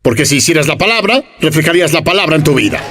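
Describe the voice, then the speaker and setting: A man preaching with a lively voice that climbs and falls across a wide range. He is animated, throws out rhetorical questions and acts out the people he quotes. His voice sits a little higher than most men's. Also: racing. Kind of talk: sermon.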